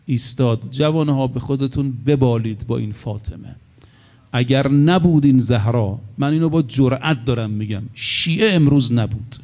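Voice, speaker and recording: Middle-aged guy preaching, emphatic, repeats himself, slows right down for arabic quotes. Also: mid-range voice, darkish tone. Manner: emphatic, repeats key phrases; quotes Arabic texts slowly and deliberately. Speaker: cleric preacher. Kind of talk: sermon.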